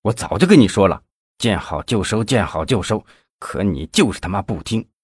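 A man's voice: fairly low pitch, expressive, moderate pace, husky, no room sound, studio quality. A man voicing an angry, scheming middle-aged male mayor who blusters and curses in an audiobook. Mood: furious. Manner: blustering, short-tempered, curses.

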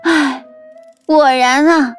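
A man voicing a feisty, bossy young daughter who snaps back with quick, scolding retorts in an audiobook. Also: very high-pitched, steady tone, a bit bright, faint music behind, voice pushed up, heavily acted. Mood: scornful.

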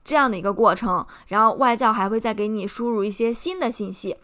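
A woman's voice: fairly high pitch, fast talker, fairly bright tone. A young woman from China hosting a podcast, giving earnest, encouraging advice and explaining it step by step. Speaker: podcast host. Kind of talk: casual advice talk.

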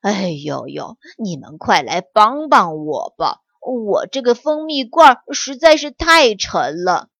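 Woman doing a slow, puffing, dim-witted bear cub for a bedtime story. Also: lowish voice, animated, vocal fry, fairly bright tone, dry recording, voice pushed down, heavily acted. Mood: pleading. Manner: panting, straining, whiny pleading. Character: big slow clumsy male bear cub.

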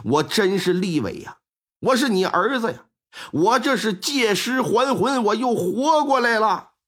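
A man's voice: sits high, big pitch swings, unhurried, fairly bright tone, exaggerated voice. A male storyteller voicing an arrogant young master who swings from haughty to tearful begging. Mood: pleading. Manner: arrogant, later tearful pleading. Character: brash young master, claims rebirth, pleading.

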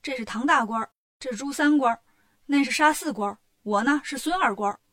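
A cocky monkey king full of schemes, voiced by a woman reading a storybook aloud. He talks fast and sure of himself, in a voice that sits on the high side. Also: a bit bright, a little hiss or hum. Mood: scheming. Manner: brisk, confident, full of schemes. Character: clever monkey king, brash and bossy.

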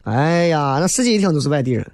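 A man's voice: a little high, animated, fast talker, heavy background noise. A man from Xi'an with a Shaanxi accent, hosting a humorous, colloquial monologue and slipping into mimicry for comic effect. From Xi'an, Shaanxi, China. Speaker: comedy show host. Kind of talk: humorous observational monologue on local dialect and city life.

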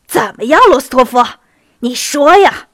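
A woman reading a hot-tempered male hussar officer, loud and shouting. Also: high-pitched, lively intonation, normal speed, no echo, clean studio sound. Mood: fierce.

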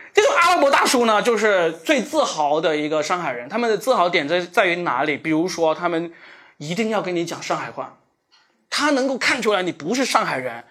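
Animated Cantonese-accented male comedian. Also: high-pitched, brisk. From Shenzhen, Guangdong. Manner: animated, self-mocking storytelling with frequent laughter. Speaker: stand-up comedian. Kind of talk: live stand-up comedy.

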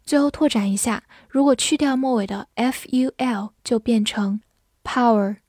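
A woman gives a scripted English vocabulary lesson, spelling out words letter by letter and slowly reading example sentences. Her pitch is fairly high with a darkish tone, and the recording is dry.

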